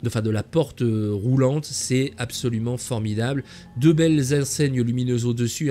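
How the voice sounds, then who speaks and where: A man's voice: medium pitch, a little mellow. A man hosting a video game tour, chatting enthusiastically and calling his viewers "the kids" as he walks through a player's build. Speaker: host of a game channel.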